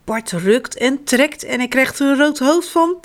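A woman reading a children's story aloud in a slow, expressive way. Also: high voice.

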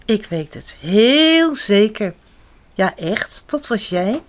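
A woman voicing a gentle little female mouse in a children's storybook, reading aloud with a lively, rising delivery. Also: mid-range voice, slow. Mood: delighted.

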